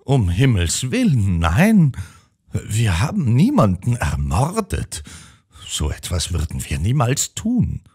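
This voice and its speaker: A man's voice: fairly low pitch, wildly swooping pitch, takes it slowly, darkish tone, slightly rough, pitched above the performer's own voice, heavily acted. A man voicing an earnest elderly spinster sister in an audiobook. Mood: shocked. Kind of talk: audiobook character voice.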